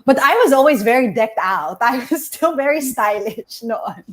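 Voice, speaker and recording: A woman's voice: a little high, lively intonation, normal speed. A woman from Australia, a guest conservationist, talking casually over a video call, laughing often and filling her talk with "like". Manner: chatty, laughs often, many "like" fillers. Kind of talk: casual chat.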